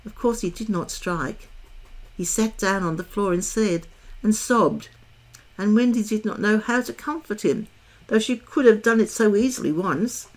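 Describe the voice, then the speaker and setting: Woman reading a kids chapter book aloud, calm and even, middle pitch. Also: normal speed. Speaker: storyteller. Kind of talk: reading a children's novel aloud.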